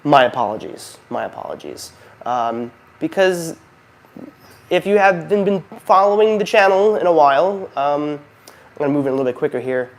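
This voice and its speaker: This video channel host rambles goofily through a casual, unscripted update vlog, often cutting himself off mid-thought. His voice is a little high with lively intonation and a moderate pace. A noisy heating fan runs right beside the microphone.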